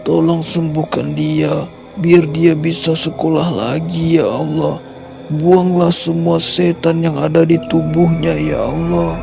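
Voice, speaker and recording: A worried, devout father pleads gently with his troubled daughter in a horror cartoon, as a man voices him. His voice sits a little high with a gravelly texture, over background music. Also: fairly even intonation, slow, full character voice. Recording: music playing underneath.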